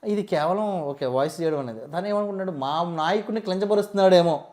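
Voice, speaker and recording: A man, a mimicry artist, talking relaxed and explanatory as an interview guest. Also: sits high, a little fast. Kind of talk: casual interview chat.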